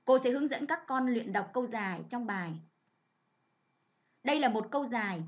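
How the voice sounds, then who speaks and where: A woman primary school teacher giving a reading lesson to children, reading clearly and measuredly. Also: a little high, animated, normal speed.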